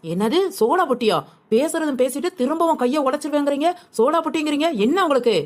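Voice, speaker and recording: A woman voicing a quick-tempered young female shopper in a comedic cartoon, firing back indignant retorts. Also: high-pitched, close to an everyday voice. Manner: indignant, rapid-fire retorts.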